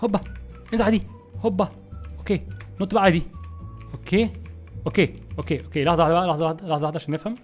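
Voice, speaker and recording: Fast, excitable Egyptian gamer man. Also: high-pitched, faint music behind. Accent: Egyptian Arabic. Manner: excitable, exasperated, jokey, talks to viewers. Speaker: gaming YouTuber. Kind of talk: gameplay commentary.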